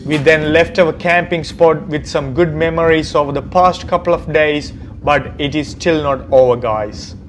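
With music behind him, a vlogger reads a scripted narration about his trip. He has a fairly high-pitched voice and keeps a moderate pace with few pauses.

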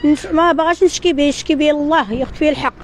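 A woman with a Moroccan accent giving a street interview, talking in an agitated rush full of halting restarts. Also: high voice, fairly even intonation, crowd noise. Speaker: interviewee, tissue seller. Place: outdoors on a city street.

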